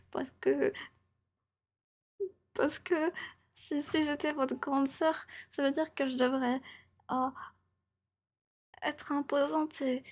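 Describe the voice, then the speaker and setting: Her voice sits high as she, a woman in her 20s, chats casually and playfully on a live stream. Much of it comes in a soft, breathy ASMR whisper, and she tends to repeat her phrases.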